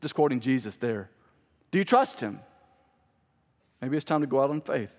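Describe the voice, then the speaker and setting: A man's voice: mid-range voice, animated, normal speed, a little mellow. A male pastor preaching a sermon to his congregation in a church sanctuary, talking conversationally and then building up to emphatic peaks. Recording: long reverb of a church hall.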